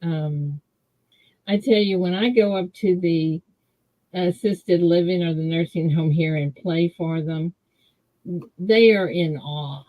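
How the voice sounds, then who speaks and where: A woman chats slowly and ramblingly on a video call. Her voice comes through muffled and dull, as if heard through a wall. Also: lowish voice. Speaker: livestream co-host. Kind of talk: casual chat on a video call. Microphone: computer mic on a video call.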